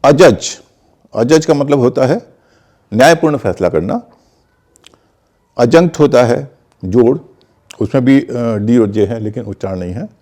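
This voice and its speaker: A man's voice: mid-range voice, animated, a little slow, long pauses, dark tone. A man teaching English pronunciation in Hindi, methodically spelling words out and repeating examples. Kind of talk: explanatory lesson in conversation.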